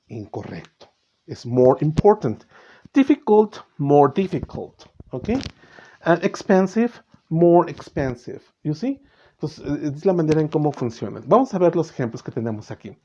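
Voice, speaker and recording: A man teaching English grammar in a bilingual class, often checking in with "ok?" and slowing down to model English words. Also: on the high side, dark tone. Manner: switches between Spanish and English, checks in with "¿ok?". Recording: slightly dull recording with faint noise.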